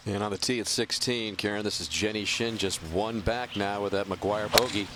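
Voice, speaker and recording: A man's voice: fairly low pitch, fairly even intonation, moderate pace. A man working as a golf commentator, calling live tournament play. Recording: outdoor broadcast with loud crowd noise. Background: loud crowd and outdoor course noise.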